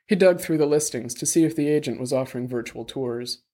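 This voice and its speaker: A man reading a novel chapter aloud as narrator, in steady, wry storytelling. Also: medium pitch, fairly quick. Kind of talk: scripted audiobook narration.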